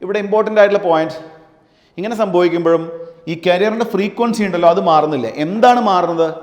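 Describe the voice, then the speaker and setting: A male physics teacher lecturing a class, dictating definitions slowly and asking his students questions. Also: sits high. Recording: echoey room with long reverb.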